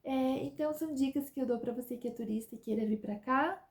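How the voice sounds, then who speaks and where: Speaking quickly in a high voice, a vlogger who lives abroad offers chatty, casual advice to viewers, checking in again and again with "tá?" and "né?".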